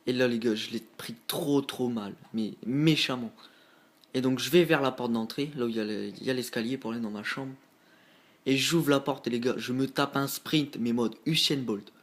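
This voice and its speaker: A man's voice: mid-range voice, normal speed. A teenage boy from northern France casually telling his viewers a story, slangy and rambling, often calling out to them as guys. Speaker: vlogger.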